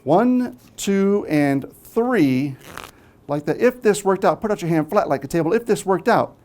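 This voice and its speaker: A man's voice: high voice, lively intonation, unhurried, darkish tone. A man performing as a stage magician, giving live patter to an audience, teasing volunteers playfully and tagging questions onto his phrases. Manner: frequent tag questions. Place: small theatre stage before a live audience.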